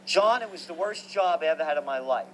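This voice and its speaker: A man, telling stories about his life as a guest in an animated, emphatic way. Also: on the high side, fast talker, slight background noise, rough recording. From New York. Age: 60s. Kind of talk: conversational storytelling.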